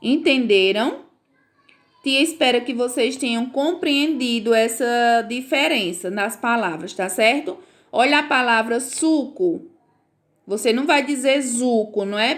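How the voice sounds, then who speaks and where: A Brazilian woman, a first-grade teacher, gives a recorded reading lesson in a fairly high voice. She speaks very slowly and patiently. She keeps checking that the little ones follow along. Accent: Brazilian Portuguese. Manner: patient, drawn-out, often asks "right?" to check the children follow.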